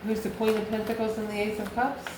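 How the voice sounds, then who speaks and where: In an echoey space with noticeable background noise, a tarot channel host gives a casual card reading directly to the viewer. She muses out loud, asking questions and then answering them herself, in a flat, fast, medium-pitched voice.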